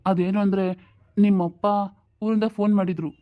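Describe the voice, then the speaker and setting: A woman doing a low, casual husband. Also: fairly even intonation, brisk, narrow, tinny audio, lightly acted. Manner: casual, matter-of-fact, dropped into a low register. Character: grown man, husband, easygoing and brisk. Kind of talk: home-made family drama.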